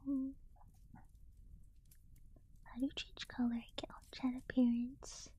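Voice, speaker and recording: A sleepy woman whispering softly as she chats with her stream and reads a book aloud. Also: high voice, flat delivery, takes it slowly, slightly rough. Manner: soft unvoiced whisper throughout. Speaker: livestream host. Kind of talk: whispered casual stream chat and reading aloud.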